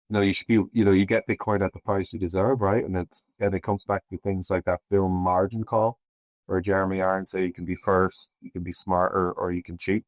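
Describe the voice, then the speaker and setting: A man's voice: sits low, darkish tone, no echo. A man from Ireland, a podcast guest talking in a meandering, hesitant way with many restarts. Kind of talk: casual conversation.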